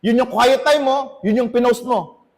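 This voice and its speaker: A Filipino pastor with a notably high voice preaches to his congregation. He moves back and forth between Tagalog and English. His words trail off in the long reverb of a church hall. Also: measured pace, a little mellow. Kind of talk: sermon.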